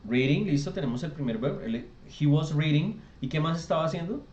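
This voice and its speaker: Leading a virtual English class over a video call, a man with a fairly high, darkish voice speaks expressively and a little fast. He breaks grammar down step by step, checking often that students understand, all in echoey lo-fi audio.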